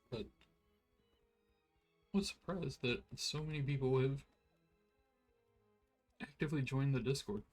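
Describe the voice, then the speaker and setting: A man's voice: mid-range voice, darkish tone. A man streaming an online role-playing game, giving laid-back, rambling commentary full of "like" while sounding tired. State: tired, yawning. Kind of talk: casual gameplay commentary.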